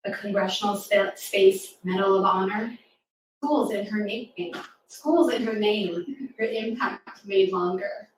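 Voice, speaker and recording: A woman reads rhyming poems to young children at a live storytime, unhurried and medium-pitched, encouraging them to join in. The recording comes from a distant mic in a roomy, echoey space with faint noise.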